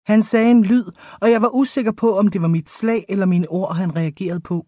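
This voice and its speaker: Woman narrator, audiobook reading, measured expressive delivery, mellow voice, dry close sound. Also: mid-range voice, no echo. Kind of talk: first-person audiobook reading.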